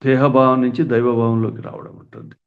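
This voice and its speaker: A middle-aged man delivers a spiritual discourse in an earnest, questioning tone, with folksy asides. His voice sits at an ordinary middle pitch. The recording is thin and tinny, like a phone line. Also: little pitch movement, brisk. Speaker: spiritual teacher.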